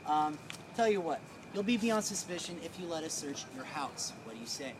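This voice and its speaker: A man's voice: fairly high pitch, sing-song, normal speed. A man voicing a polite but suspicious investigator, casual and coaxing, in a live storytelling performance. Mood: politely suspicious. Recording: outdoor street noise.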